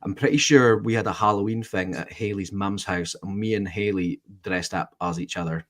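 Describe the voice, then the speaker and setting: A man's voice: sits low, normal speed, a bit bright. A man co-hosting a podcast, trading self-mocking jokes in casual chat. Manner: joking, self-mocking banter. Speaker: podcast co-host.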